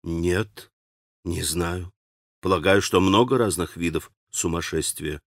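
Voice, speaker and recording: A male reader voices a gentle young man who pleads earnestly. The delivery is soft and sincere, often lifting higher than the narration. The recording is dry and close. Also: slow pace, dry recording. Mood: timid.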